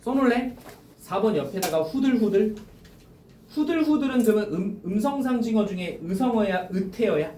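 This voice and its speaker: A male teacher walks a classroom through exam questions, quizzing the students and repeating the key phrases. His pitch swings widely as he talks. He is picked up from a distance in an echoey classroom with faint background noise. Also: animated, normal speed, warm tone. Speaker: high school teacher. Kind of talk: classroom lecture going over exam questions.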